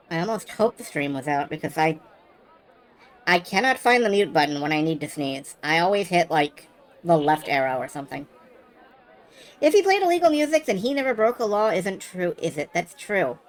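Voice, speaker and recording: Lively, lowish-voiced woman streaming a game. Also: normal speed, long pauses, some chatter behind, poor audio. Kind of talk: casual live game commentary.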